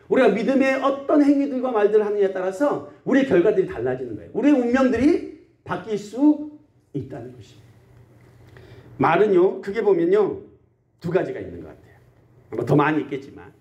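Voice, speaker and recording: In a high, slightly mellow voice, a man preaches a country church's Sunday sermon. He questions the congregation and answers himself, slipping into quoted impressions of everyday complaints.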